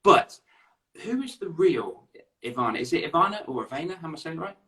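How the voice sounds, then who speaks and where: A man's voice: on the high side, very animated, normal speed, a bit bright, distant mic. An English man hosting an online interview, upbeat and chatty, often repeating his words. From England. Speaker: host. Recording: echoey room, away from the mic.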